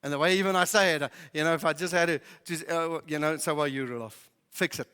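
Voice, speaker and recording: A man preaching a sermon as pastor, in a lively conversational way with many fillers. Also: fairly high pitch, fast talker, clean tone. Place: barn church hall. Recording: reverberant church hall.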